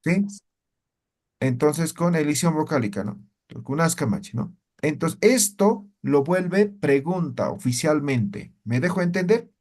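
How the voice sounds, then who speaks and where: A man's voice: fairly high pitch, animated, a little slow, darkish tone. A man teaching a language lesson in Spanish, patient and explanatory, often checking in with tag questions.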